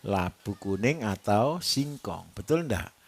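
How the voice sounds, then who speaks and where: A man's voice: on the low side, expressive, slow pace, slightly rough. A man with a Javanese accent giving a live workshop lecture to farmers, joking and quizzing his audience as he goes. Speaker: livestock trainer.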